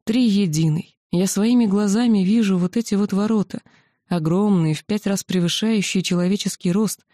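A woman's voice: medium pitch, mellow, dry recording, studio quality. Woman reading a fantasy novel aloud. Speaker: audiobook narrator. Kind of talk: first-person novel narration.

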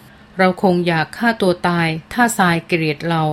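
A woman voicing a guilt-stricken teenage boy. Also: natural voice. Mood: flat. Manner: slow, low and shaky. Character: remorseful teenage boy, brooding and intense.

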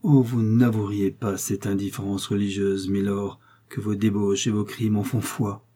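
A man's voice: fairly low pitch, flat delivery, moderate pace, mellow, lightly acted. A man voicing a proud, scheming woman prisoner who speaks with cold haughtiness and feigned fervor. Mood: haughty indignation.

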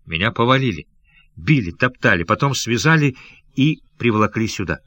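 A man's voice: medium pitch, lively intonation, normal speed, fairly bright tone, no echo, muffled recording. A man voicing a wounded loyal pirate. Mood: grim. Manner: emotional, broken-voiced. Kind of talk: audiobook reading.

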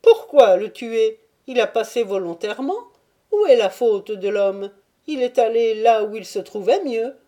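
A woman's voice: on the high side, lively intonation, measured pace, dark tone, pitched above the performer's own voice. A woman reading aloud and voicing a fearful, pleading old male trader who protests his honesty. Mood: eager, voluble. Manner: voice raised, wheedling and protesting.

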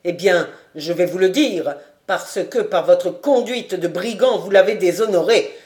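A woman's voice: lowish voice, normal speed, reverberant, lightly acted. A woman reading an audiobook voices a stern, scornful old male marshal who scolds with contempt. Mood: stern scolding.

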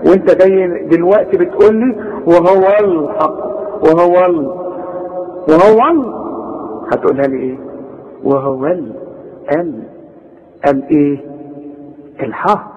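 Egyptian male tajweed teacher, fairly high voice, reverberant hall, muffled sound. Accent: Egyptian Arabic. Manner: explains quickly in colloquial speech, then recites words slowly and drawn out. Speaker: Quran recitation teacher. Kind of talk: tajweed lesson.

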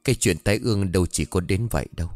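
A man voicing an older village man telling a sad tale slowly and somberly. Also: low-pitched, darkish tone, no echo, faint music behind, natural voice.

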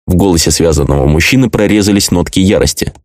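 In a dry, studio-quality recording, a low-pitched man narrates an audiobook from a script. His storytelling is measured and even.

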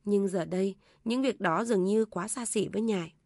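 Female storyteller, emotive reading, mid pitch, dead-dry close mic. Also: fairly quick, darkish tone, dry recording. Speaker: narrator. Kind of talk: scripted story narration.

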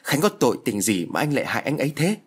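Tearful young woman, pleading, read by a male narrator, husky voice. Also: medium pitch, sing-song, fast.

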